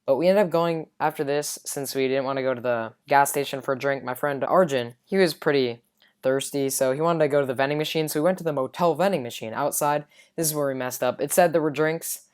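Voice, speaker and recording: A woman with an unusually deep, smooth and resonant voice tells a casual storytime vlog. She rambles through it loosely, full of fillers and side remarks. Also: a little fast, a little mellow. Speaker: vlogger.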